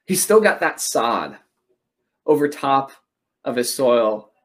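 A man preaching a sermon, retelling scripture dramatically and repeating key phrases. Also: medium pitch.

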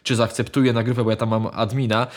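A man's voice: mid-range voice, little pitch movement, fast. A man in casual chat, rambling with many fillers and restarts, swearing freely and giving blunt opinions.

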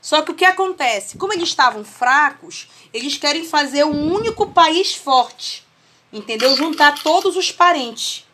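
A woman with a Brazilian accent leads an online history lesson, her voice sitting high. She explains through everyday family comparisons and keeps checking in with her students. The sound comes through a video call. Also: animated, measured pace, pushed and bright, a little hiss or hum. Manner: homely family analogies, checks in with students often. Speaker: history teacher.

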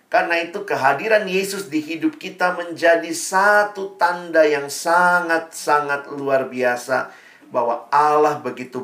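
Male preacher, chatty sermon delivery with rhetorical questions, medium pitch, roomy echo. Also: fairly bright tone. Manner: calls himself Amang.

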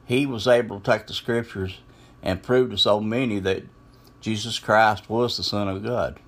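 Low-voiced man giving Bible teaching. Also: steady tone, moderate pace. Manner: retells scripture loosely, with restarts and asides. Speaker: lay preacher.

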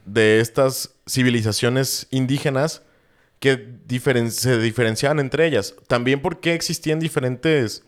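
A man's voice: mid-range voice, normal speed. Slangy young Mexican man from Jalisco. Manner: slangy, swears freely, rambling explanations. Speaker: podcast co-host. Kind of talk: casual chat.

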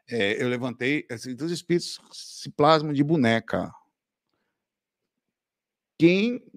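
A man's voice: medium pitch, no room sound, studio quality. A Brazilian man, hosting a casual live stream and telling stories with lots of slang and laughter. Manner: animated storytelling, laughing, slangy with "velho" and "cara". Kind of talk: casual live chat answering viewer questions.

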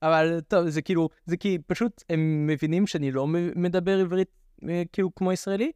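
A young man chats casually with a French accent, as a guest would on a podcast. His voice is on the higher side and very smooth, recorded close and dry. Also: steady tone, darkish tone, no room sound. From French immigrant raised in Netanya, Israel. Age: young adult. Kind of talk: casual chat.

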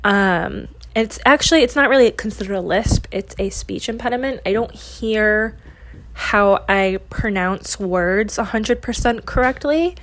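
Female podcast host, informal solo chat, slight lisp with long S's, soft slurring, close dry sound. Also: mid-range voice, unhurried, no room sound. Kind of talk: casual solo podcast introduction.

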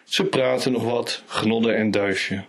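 A man reads an animal story aloud at a slow, easy pace. His voice sits a little low and has a husky grain. He lightly colours the characters' lines as he goes. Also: fairly even intonation, fairly bright tone. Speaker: reader. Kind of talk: storybook reading.

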